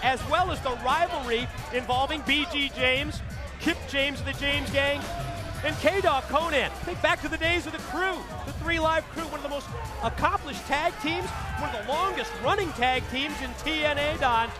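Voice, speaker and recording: A man calling professional wrestling as play-by-play announcer in excited live sports commentary. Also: very high-pitched, normal speed. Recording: loud arena crowd and music behind.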